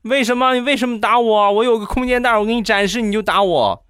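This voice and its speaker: A man's voice: sits high, fast talker, a bit bright, clean tone, no room sound, studio quality, voice pushed up. A man voicing a whiny, boastful young boy in a comic story. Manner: whining, indignant.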